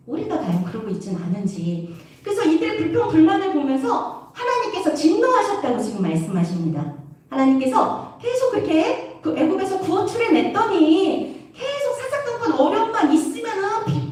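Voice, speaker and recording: A woman youth preacher giving a lively sermon to young people, constantly asking her listeners questions. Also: high-pitched. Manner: animated, keeps asking the audience questions. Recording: echoey hall from far off.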